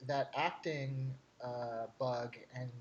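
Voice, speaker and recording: A man's voice: mid-range voice, steady tone, slow, muffled recording, slight background noise. A man hosting a podcast interview, asking questions in a casual, conversational style.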